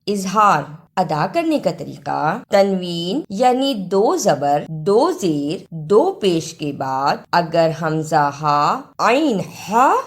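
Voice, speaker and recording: A woman teaching Quran recitation, spelling out words slowly letter by letter and explaining how each sound is made. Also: lowish voice. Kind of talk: tajweed lesson, explaining pronunciation and reciting verses.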